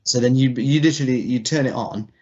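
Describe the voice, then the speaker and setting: A man in his thirties, co-hosting a podcast, chats in a loose, rambling, casual manner. His medium-pitched voice is fast and a little mellow. The recording has a dull, lo-fi podcast sound.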